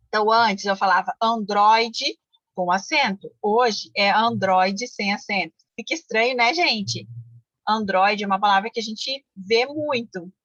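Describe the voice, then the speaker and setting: A woman teaching grammar in an online class, walking through each rule patiently and often checking that her students follow. Her voice sits at a middle pitch. The audio is muffled and lo-fi, with a dry close sound and no room echo. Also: a bit bright. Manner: explanatory, many fillers and checks with listeners. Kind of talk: online Portuguese grammar lesson. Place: home, car noise outside.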